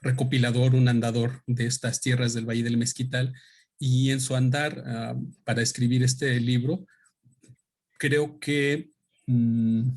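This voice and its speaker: At a book presentation, a native Spanish-speaking man talks unscripted into a microphone. His mid-range, slightly mellow voice barely moves in pitch, and he sounds thoughtful and hesitant, pausing often, using many fillers, and restarting sentences.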